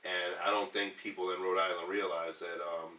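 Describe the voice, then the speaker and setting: A man's voice: low voice, level tone, normal speed, sharp tone, far from the mic. A man in his thirties from Detroit, a podcast guest talking earnestly in casual conversation, rambling with lots of ums and restarts. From Detroit, US Midwest. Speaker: podcast guest, community organizer. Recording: echoey room, off the mic.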